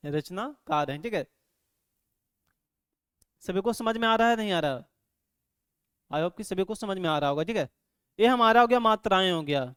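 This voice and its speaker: High-voiced male teacher drilling students. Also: clean tone, no room sound, clean studio sound. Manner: repeats "ठीक है" and quizzes students constantly; drills syllables aloud, louder on examples. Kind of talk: online grammar lesson. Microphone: microphone.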